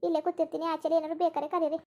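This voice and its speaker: A woman voicing a patient young daughter-in-law who calmly soothes her mother-in-law in a cartoon. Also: very high voice, racing. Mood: soothing. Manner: soothing, pleading for calm. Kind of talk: cartoon voice acting.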